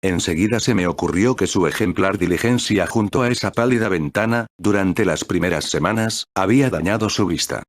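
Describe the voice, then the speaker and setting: Deep-voiced male story narrator. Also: no echo. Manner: measured, steady reading.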